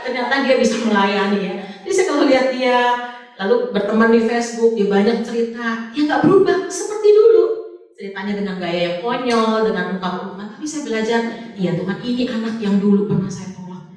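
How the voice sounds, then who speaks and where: Fast-talking woman in an echoey hall. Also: fairly high pitch, far from the mic. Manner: lively storytelling, acting out dialogue. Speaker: Sunday school teacher and guest speaker. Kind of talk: personal story in a church talk.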